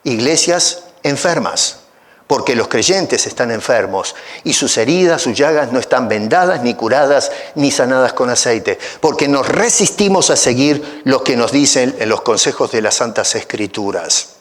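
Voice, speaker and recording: A male pastor delivering a sermon in an animated, swooping voice that climbs sharply on key words. He talks through the passage with rhetorical questions and casual asides to the congregation. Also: medium pitch, normal speed. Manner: emphatic rises on key phrases. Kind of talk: expository sermon.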